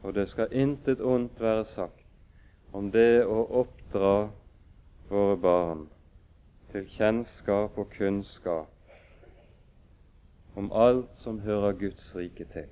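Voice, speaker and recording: A man preaching a sermon and reading scripture aloud in a measured, solemn way with pauses. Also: fairly low pitch, dark tone, clean tone. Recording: dull lo-fi recording.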